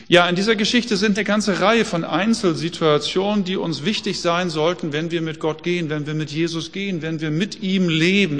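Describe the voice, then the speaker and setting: A man's voice: a little high, a bit bright. Male preacher in a reverberant hall. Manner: conversational, asks rhetorical questions. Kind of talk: sermon.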